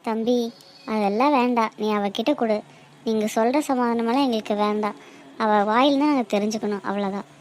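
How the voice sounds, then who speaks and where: A woman voicing a stern elderly grandmother who speaks firmly and demands a clear answer. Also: fairly high pitch, fairly even intonation, a little fast, a little mellow, slight background noise, natural voice. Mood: dismissive. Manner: firm, demanding. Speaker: grandmother of the groom.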